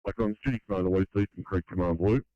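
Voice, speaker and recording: Aussie guy fire commander doing urgent radio report, smooth dark voice, clipped n formal, dull radio sound. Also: low voice, fairly even intonation, quick pace, dry recording. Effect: two-way radio. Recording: muffled band-limited emergency radio.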